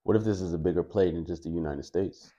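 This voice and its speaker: A man's voice: sits low, fairly even intonation, quick pace, mellow, lo-fi sound. A man co-hosting a podcast in casual chat, pushing back and arguing his own point. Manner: argumentative, pushes back. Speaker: podcast co-host.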